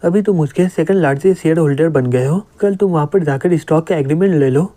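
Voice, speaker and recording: A man's voice: on the high side, fast, warm tone, lightly acted. A man voicing a cheerful game-style system that announces rewards, in a comic story retelling. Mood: announcing.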